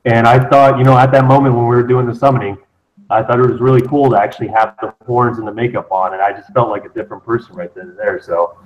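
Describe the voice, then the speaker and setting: A man's voice: mid-range voice, steady tone, quick pace, muffled recording. A man, a cast member, answering questions in a casual online Q&A, rambling with many fillers.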